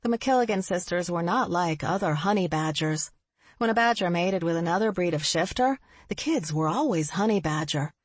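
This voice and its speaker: A woman narrating an audiobook in an expressive, husky voice on a close studio mic. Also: fairly low pitch, normal speed, no room sound.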